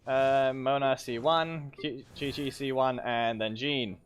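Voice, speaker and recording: Taking it slowly in a steady, mid-range voice, the game streamer offers rambling gameplay commentary, often correcting himself and muttering asides. The stream recording is clearly noisy and full of clicks.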